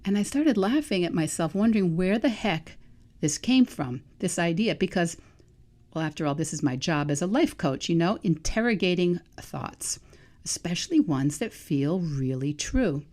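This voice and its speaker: With a lowish, darkish voice, animated and at a moderate pace, a sixty-something woman from New England hosts her solo podcast as a vegan life coach. She muses thoughtfully through a reflective monologue, questioning herself along the way.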